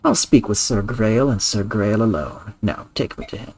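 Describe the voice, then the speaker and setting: A man's voice: lowish voice, moderate pace, a little mellow, husky. A man voicing a shady, curt mercenary spy in a sly, snake-like voice for a game read-aloud. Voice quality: snake-like, sly hissing delivery.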